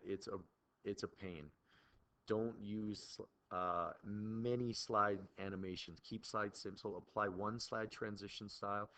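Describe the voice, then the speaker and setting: A male teacher giving a recorded lesson to his class in an informal, animated way, with joking exclamations. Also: fairly low pitch.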